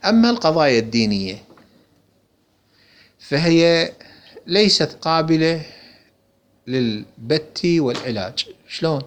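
A man's voice: a little high, very animated, unhurried, pauses often. A man with an Iraqi accent giving a religious lesson, explaining a book and answering his own questions. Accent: Iraqi Arabic. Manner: rhetorical questions answered himself. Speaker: religious teacher. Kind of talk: lecture explaining a text.

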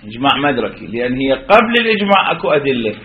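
A man's voice: medium pitch, sing-song, rapid-fire. A man with an Iraqi accent giving a seminary lecture on religious law, who keeps asking rhetorical questions and answering them himself. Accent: Iraqi Arabic. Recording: roomy, dull lo-fi.

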